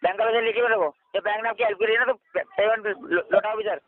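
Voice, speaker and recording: A man speaks fast and insistently as a loan recovery agent, repeating the same demand over and over. His voice sits high for a man. It comes through a tinny, narrow phone line. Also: fairly even intonation, a little hiss or hum. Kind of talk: phone call.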